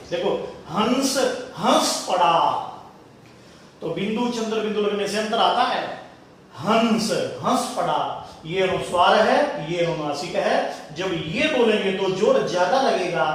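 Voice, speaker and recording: Male classroom teacher, higher voice, patient and repetitive, recorded from afar with faint room hiss. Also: fairly bright tone. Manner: addresses students as children, repeats points patiently. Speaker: Hindi grammar teacher. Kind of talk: classroom lesson explaining grammar. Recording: very echoey room, voice from a distance.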